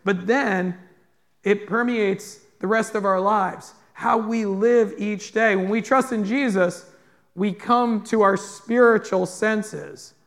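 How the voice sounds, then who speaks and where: A man's voice: high voice, slow. A male pastor delivering a sermon to a congregation, earnest and direct, often putting questions to his listeners. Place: church in front of a congregation.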